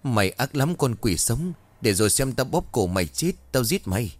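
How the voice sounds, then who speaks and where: A man's voice: mid-range voice, big pitch swings, normal speed, no room sound. A man voicing a vengeful female ghost who hisses cruel, gloating threats. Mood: furious. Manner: hissing, taunting threats.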